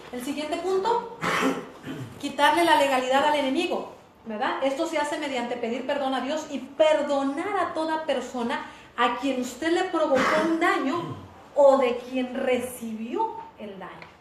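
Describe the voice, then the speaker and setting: A woman's voice: high-pitched, normal speed. A woman teaching a church class, often checking that her listeners follow along. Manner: lively, asks the room for agreement. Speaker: Bible teacher. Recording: very echoey room, faint hiss.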